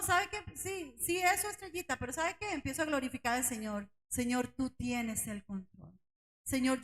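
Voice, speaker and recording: High-pitched female Bible teacher, engaging the congregation with questions, building to fervent near-shouted emphasis. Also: rough recording. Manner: questions the congregation and calls them brothers; voice rises to near shouting on key points. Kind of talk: church Bible study teaching.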